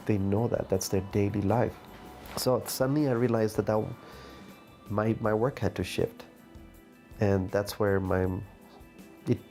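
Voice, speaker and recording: A man from Zimbabwe, an artist and teacher, reflects in a documentary interview. His voice sits low with a gravelly edge, and he gropes thoughtfully for his words. Faint music plays behind him. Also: mellow.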